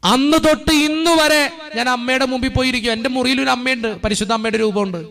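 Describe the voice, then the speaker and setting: Fervent priest preaching, high voice. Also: male voice, fairly even intonation, quick pace, fairly bright tone. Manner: storytelling, rising to fervent repeated appeals. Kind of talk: sermon. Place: church courtyard.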